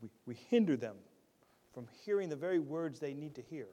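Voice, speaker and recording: A pastor preaching a sermon, earnest, often repeating words as he restarts, moving between loud stressed phrases and quiet asides. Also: a little high, lively intonation, a little fast.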